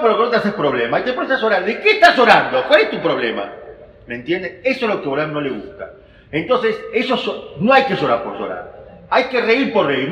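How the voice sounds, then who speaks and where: Argentine male rabbi type, high lively voice, chatty Torah class, roomy hall with long echo. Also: highs cut off, slight background noise. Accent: Argentine Spanish. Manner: animated, conversational, drawn-out emphasis, sprinkles Hebrew terms. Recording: echoey hall with faint ambience.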